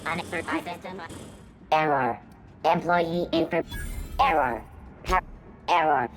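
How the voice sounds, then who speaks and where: A broken female computer system from a video game, with a low, glitching robot voice. Her words stutter and chop off partway through, falling back again and again on flat error alerts. Soft music sits behind her. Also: unhurried. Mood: malfunctioning. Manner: clipped, cut-off, repeating error alerts. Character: malfunctioning female security computer. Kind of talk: game dialogue.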